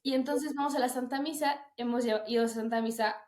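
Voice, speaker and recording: A woman tells a personal faith story casually, acting out what others said. Her voice sits a little high. The room around her is echoey. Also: a little fast. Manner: lively storytelling, quoting others. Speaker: guest sharing testimony.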